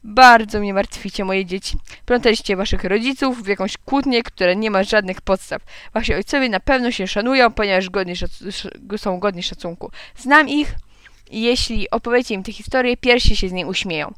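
A woman's voice: medium pitch, normal speed, clean tone, no room sound, lightly acted. A woman reading aloud and voicing a stern, pompous older male school principal who lectures and moralizes. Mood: admonishing. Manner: moralizing, lecturing, bursts into shouting.

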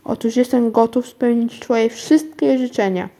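A tiny magic bead speaks in a soft, silvery little voice, voiced by a woman reading the story. He is solemn and eager, his words slow and earnest. The tone is warm and mellow. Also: on the high side.

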